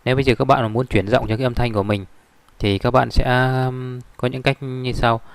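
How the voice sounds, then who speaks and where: Quick-talking man with a gravelly voice. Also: mid-range voice, fairly even intonation, no room sound. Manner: rambling, many fillers and restarts. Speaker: software tutorial instructor. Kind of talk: screen-recorded tutorial.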